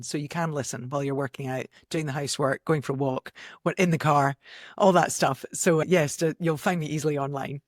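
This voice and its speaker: A woman's voice: sits low, dry recording. A Scottish woman talks as a podcast guest, explaining nutrition with enthusiasm and a practical bent, laughing easily. Her voice sounds close and dry, with no room around it. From Scotland. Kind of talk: podcast interview.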